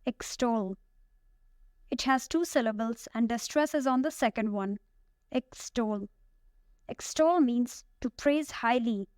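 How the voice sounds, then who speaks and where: Woman with a smooth, crisp teaching voice. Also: a little high, a little mellow, no echo, clean studio sound. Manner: slow, careful word-by-word pronunciation drills. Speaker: vocabulary teacher. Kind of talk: scripted vocabulary lesson.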